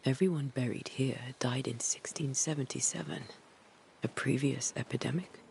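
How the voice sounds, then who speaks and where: An actor in a video game playing a brooding, pensive ghost hunter, hushed and deliberate. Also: male voice, medium pitch, vocal fry, slight background noise, poor audio.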